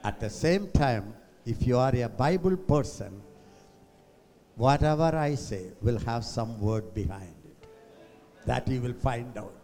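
In a reverberant hall with music behind him, a man preaches in a South Indian accent. His delivery is slow and theatrical, full of repeated phrases and vocal sound effects. He addresses the congregation directly as he gives his sermon. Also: medium pitch, expressive, warm tone.

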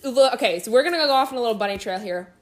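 A young adult woman co-hosting a podcast tells a story in casual chat, animatedly acting out the voices of the people involved. She speaks quickly in a fairly high pitch.

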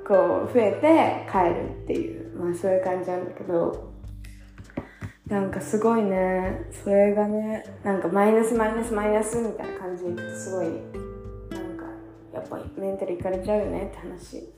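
A tired young woman in her twenties chatting casually on her own, self-mocking and acting out quotes in a higher voice. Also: steady tone, a little fast, roomy sound. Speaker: vlogger. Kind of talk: casual solo chat. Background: soft guitar music.

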